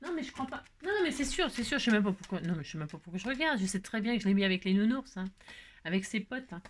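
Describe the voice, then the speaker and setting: A woman's voice: medium pitch, lively intonation, fast. A woman hosting a crafting vlog, chatting to her viewers in a rambling, casual way full of fillers and self-interruptions. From France. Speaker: craft video host.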